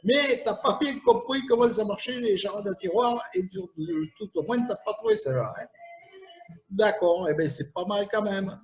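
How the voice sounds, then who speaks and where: A man's voice: high-pitched, expressive, normal speed, poor audio. A man hosting a casual quiz game, playful and teasing, chuckling at his own riddles. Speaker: host of a live quiz game.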